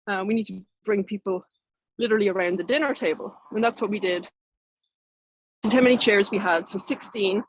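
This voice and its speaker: A woman's voice: mid-range voice, fairly quick, slightly rough, no room sound, low-quality recording. A woman with an Irish accent giving an informal, conversational keynote talk, often hesitating and rephrasing herself as she goes. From Ireland. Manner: hesitant, self-correcting, rambling delivery. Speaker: keynote speaker, artist and activist.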